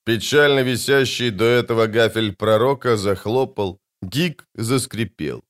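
A man narrating an adventure audiobook in an expressive, dramatic way. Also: medium pitch, measured pace. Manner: expressive, lively storytelling.

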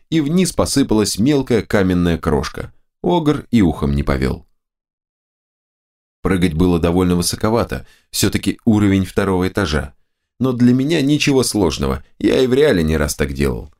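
Brief: expressive male storyteller, rather low and animated. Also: moderate pace. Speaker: audiobook narrator. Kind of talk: first-person fantasy narration.

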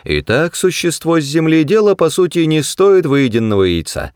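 A man's voice: fairly high pitch, very animated, normal speed, a little mellow, smooth, dry recording, clean studio sound, voice pushed up. Benjy, a cold, curt little mouse, voiced by a man. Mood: lecturing.

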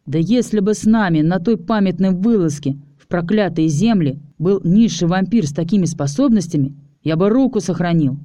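An audiobook reader gives voice to an eager one-handed veteran, his mellow voice pressing on with insistence. The sound is dry and close. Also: high-pitched, moderate pace, few pauses, no echo, lightly acted. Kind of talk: audiobook character reading.

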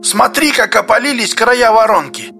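A man voicing a feverish, excitable male geologist who talks high and agitated, often shouting. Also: normal speed, creaky, faint music behind, heavily acted. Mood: uneasy.

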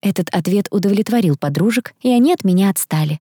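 A woman narrating a first-person audiobook in a calm, even way. Her voice is mellow and warm. The recording is close and dry. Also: medium pitch, fast, husky, no echo.

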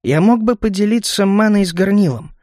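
A man's voice: sits high, brisk, darkish tone, no echo, studio quality, pitched above the performer's own voice, close to an everyday voice. A man voicing the eager young hero of a first-person audiobook. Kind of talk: audiobook dialogue.

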